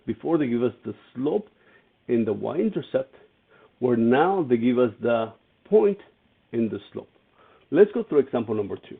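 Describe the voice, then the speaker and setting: A man's voice: mid-range voice, gravelly, husky. A man teaching an algebra lesson, walking through each step and asking his students questions as he goes. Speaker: math teacher. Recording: tinny phone-like lo-fi audio.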